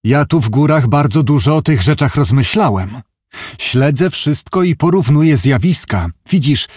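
A man's voice: mid-range voice, a little mellow, breathy edge, dry recording, clean studio sound, voice pushed up. A man reading an audiobook, voicing an earnest, brooding man who muses and argues at length. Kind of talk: audiobook character voice.

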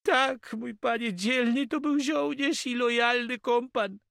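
A man voicing an emotional Catalan sailor who cries out in a high, strained, drawn-out voice. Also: fairly even intonation, vocal fry, a bit bright, no echo, clean studio sound, exaggerated voice. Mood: grieving, shouting.

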